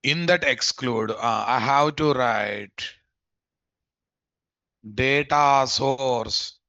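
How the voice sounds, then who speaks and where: An informal programming teacher, a man with a Telugu Indian accent, leads a live coding session, addressing learners familiarly, repeating himself and checking comprehension with questions. His medium-pitched voice is expressive, slow, pushed and bright. The audio is dull and has no echo.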